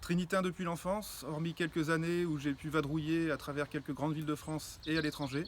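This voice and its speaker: A man's voice: fairly high pitch, little pitch movement, brisk. Composed man, noisy outdoor recording. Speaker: municipal list candidate. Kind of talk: scripted self-introduction.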